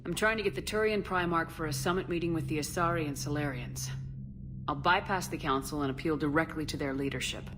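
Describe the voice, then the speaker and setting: A woman's voice: low voice, quick pace, noisy background, natural voice. An actress playing a tough, decisive female military commander in a video game, speaking bluntly and with composure. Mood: blunt, resolute. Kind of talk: video game character dialogue.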